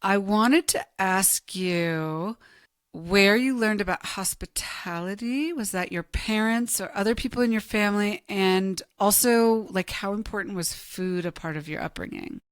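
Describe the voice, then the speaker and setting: A woman's voice: mid-range voice, a little slow, clear, resonant tone, no echo, studio quality. A woman hosting a podcast, asking interview questions in an effusive, enthusiastic way. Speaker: podcast host.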